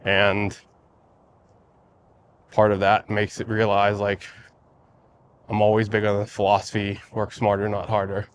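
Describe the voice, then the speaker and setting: A man talking casually to his vlog as he walks outdoors, musing and halting as he goes. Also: on the low side, monotone. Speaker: vlogger. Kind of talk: casual walking vlog chat. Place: outdoors, walking by lakes in a neighborhood before sunrise. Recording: outdoor ambient noise while walking.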